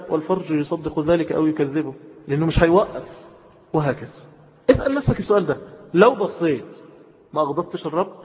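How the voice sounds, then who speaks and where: A man with an Egyptian Arabic accent giving a sermon, stretching phrases out and rising suddenly for emphasis. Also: a little mellow. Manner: emphatic, drawn-out phrases with sudden swells in pitch. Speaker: preacher. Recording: dull lo-fi sound with long hall reverb.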